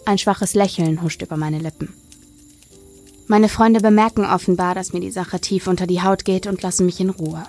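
Woman reading a creepy story aloud, creaky gravelly voice, quiet music underneath. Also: on the low side, fairly even intonation, moderate pace. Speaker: story narrator. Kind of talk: first-person horror story reading.

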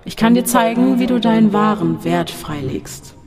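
A narrator voicing a sinister male voice that taunts from a dark shaft in an audiobook, over faint music in a long reverb. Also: medium pitch, lively intonation, moderate pace, gravelly, voice pushed up. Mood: coaxing. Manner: mocking, then coaxing and seductive.

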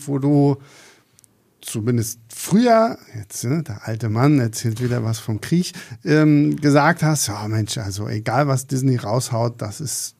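A man's voice: medium pitch, creaky, darkish tone. A middle-aged man, hosting a film podcast in casual conversation.

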